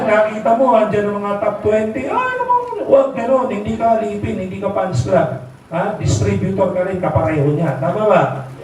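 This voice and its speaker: High-pitched Filipino man preaching in an echoey hall. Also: darkish tone. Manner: rhetorical, keeps asking the audience "di ba?" and "tama?"; acts out quoted voices, jokes with the crowd. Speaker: company executive giving a motivational talk. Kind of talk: motivational seminar talk. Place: large hall, live seminar. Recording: very echoey hall, distant mic, faint noise.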